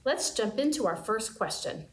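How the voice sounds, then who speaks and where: High, lively woman hosting in an echoey room. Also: moderate pace. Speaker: event host. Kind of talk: scripted opening remarks.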